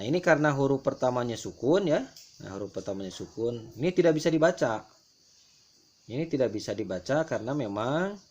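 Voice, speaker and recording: A man teaching a grammar lesson step by step, patient and repetitive, often starting sentences with "nah". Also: medium pitch. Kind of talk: classroom explanation over slides.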